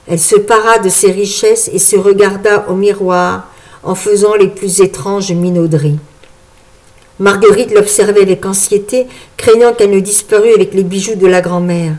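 A woman reads a fairy tale aloud in a measured, even way. Her voice sits at a middle pitch and keeps a calm, steady storytelling flow. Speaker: narrator. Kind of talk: storybook reading.

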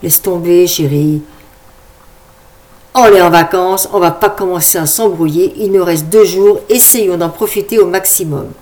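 A woman voicing a tired, level-headed wife on holiday who sighs and calms her husband down. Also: on the low side, unhurried, natural voice. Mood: weary.

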